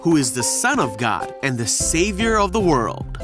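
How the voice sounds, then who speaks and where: A man's voice: on the high side, sing-song, normal speed, music in the background. A man narrating a children's Bible cartoon in a storybook manner. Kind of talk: scripted narration.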